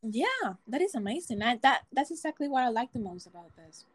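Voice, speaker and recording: A woman's voice: a little high, big pitch swings, a little fast, breathy edge. A woman co-hosting a casual podcast chat, reacting in a bubbly, effusive way. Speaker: podcast co-host.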